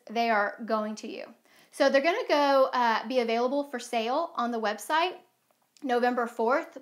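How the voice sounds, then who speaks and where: Upbeat chatty woman, slightly high voice. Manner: upbeat, chatty, eager and reassuring. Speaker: company founder presenting a Q&A video. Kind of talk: casual direct-to-camera Q&A.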